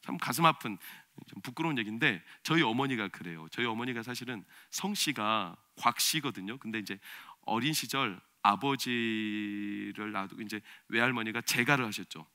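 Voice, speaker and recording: A man preaching a sermon as pastor, swinging between loud, emphatic preaching and quiet, confiding storytelling. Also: lowish voice, moderate pace. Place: church sanctuary.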